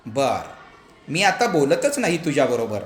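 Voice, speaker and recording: A man's voice: mid-range voice, big pitch swings, unhurried. A man voicing a stern but loving village mother who scolds her son, in a storybook reading. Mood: scolding. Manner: scolding, insistent. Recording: echoey room, faint background hum.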